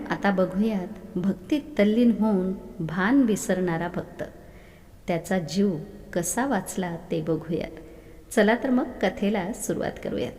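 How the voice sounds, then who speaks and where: A woman narrating a devotional story in an expressive reading voice, recorded with a long reverb. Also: medium pitch.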